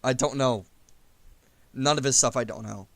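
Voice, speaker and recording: A man hosting a relaxed voice-chat stream from his home computer, with a mid-pitched voice. He keeps a laid-back, mumbling delivery, teasing his friends and joking about himself. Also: moderate pace, vocal fry, no echo. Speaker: stream host.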